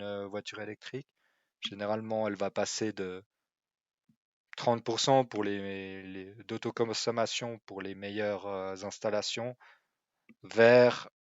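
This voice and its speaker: A man's voice: on the low side, no echo, dull audio. A man, walking through an online tool in a hesitant way, with many fillers and restarts. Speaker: website presenter. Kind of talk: screen-recorded tool walkthrough.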